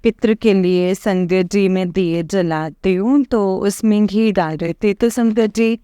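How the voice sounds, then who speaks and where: A woman recounts a devotional testimony in a slow, unhurried delivery. Her voice is smooth and clean and sits close and dry, with no room around it. She meanders and hesitates with fillers, often turning to address the gathered listeners. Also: medium pitch, dark tone, no echo. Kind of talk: rambling personal testimony to a congregation.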